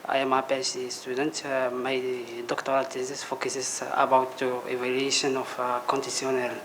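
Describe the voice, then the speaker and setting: A man's voice: medium pitch, monotone, normal speed, noisy background. A man who is a PhD student, describing his thesis to a workshop group with careful, non-native phrasing.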